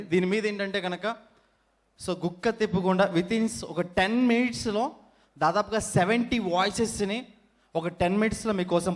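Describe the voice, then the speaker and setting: A man with a Telugu accent, a mimicry artist giving a formal, flowery announcement on stage at an awards event. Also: high-pitched.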